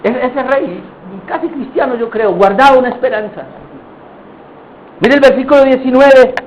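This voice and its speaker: A man's voice: very high-pitched, moderate pace, background noise. A man pastor preaching a sermon, impassioned and dramatic, acting out scripture scenes as he preaches.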